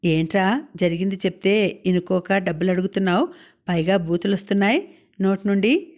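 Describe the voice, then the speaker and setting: A woman voicing a rough, quarrelsome male truck driver, in an audiobook. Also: medium pitch, normal speed, darkish tone, lightly acted. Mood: angry.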